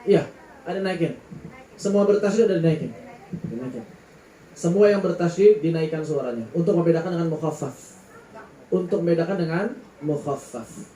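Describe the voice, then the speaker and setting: Male recitation teacher, high mellow voice, patient and drawn-out, echoey room with faint hum. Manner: patient, drawn-out explanations with sung letter names. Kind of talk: Quran recitation lesson.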